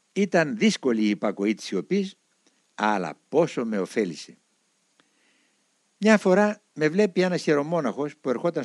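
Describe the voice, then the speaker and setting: A man narrating a memoir audiobook in an expressive storytelling manner. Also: medium pitch, no room sound. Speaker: audiobook reader.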